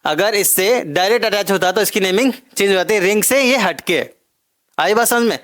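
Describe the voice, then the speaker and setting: High-voiced male chemistry teacher. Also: moderate pace, a bit bright. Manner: explains step by step, repeats key terms, quizzes students. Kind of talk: recorded classroom lecture.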